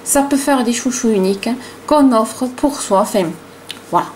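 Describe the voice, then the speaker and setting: A middle-aged woman with a regional French accent walks viewers through a crochet project in an easygoing, chatty way, dropping "hein" and "voilà" between steps. Her voice sits a little high, and a faint hiss runs under it. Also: moderate pace, a little mellow. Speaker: crochet tutorial host. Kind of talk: casual crochet tutorial.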